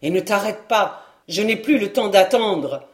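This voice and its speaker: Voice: mid-range voice, expressive, a little slow, lightly acted. The reader doing a commanding wounded captain. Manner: firm commands. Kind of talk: audiobook reading.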